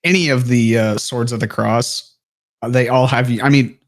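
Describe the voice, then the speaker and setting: A man as guest in a casual book chat, relaxed and agreeable with hesitant fillers. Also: medium pitch, normal speed. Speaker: podcast guest.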